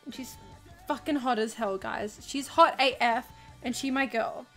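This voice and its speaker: High-pitched woman streamer with hiccups. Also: unhurried, a bit bright, soft background music, poor audio. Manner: hiccupping while talking; effusive, giggly, swears freely. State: hiccups, short of breath. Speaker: livestreamer. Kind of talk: casual livestream chat with viewers.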